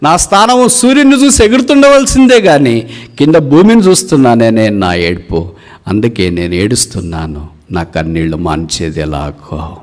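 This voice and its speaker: A man voicing a proud fallen eagle, the king of birds, lamenting in cries that climb high as part of a sermon story. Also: animated, normal speed, big-room sound, lightly acted. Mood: grieving lament. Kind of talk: dramatic story within a sermon.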